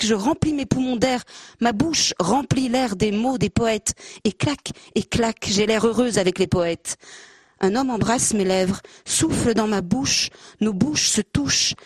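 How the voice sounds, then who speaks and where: A woman's voice: on the high side, unhurried, breathy edge, no echo, clean studio sound. Hesitant woman, then reading poetry aloud. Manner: hesitant, searching for words, self-deprecating. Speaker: panel guest. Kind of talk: halting casual talk, then a poetry reading. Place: panel event with a handheld mic.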